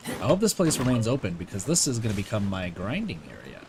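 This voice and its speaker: A male streamer gives casual live game commentary, slangy and rambling, frequently talking to himself. He talks fast in a lowish voice with wildly swooping pitch, over game music and a noisy background.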